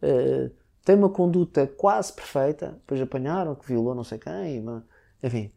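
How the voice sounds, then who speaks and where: A man's voice: medium pitch, normal speed, gravelly, mellow. A man from Portugal speaking European Portuguese, a guest in a casual conversation, who hesitates and restarts often. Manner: hesitant, with many restarts and filler words.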